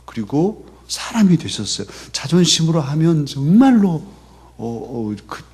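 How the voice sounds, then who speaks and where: A man preaching a sermon as a church pastor, in a conversational way that often drops to a soft, low voice. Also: sing-song, unhurried, husky. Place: church sanctuary.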